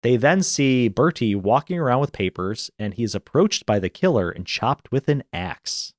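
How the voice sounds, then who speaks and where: A man's voice: medium pitch, expressive, moderate pace, no echo, clean studio sound. A man co-hosting a podcast, recapping a film in casual chat and laughing often as he tells the story. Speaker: podcast co-host.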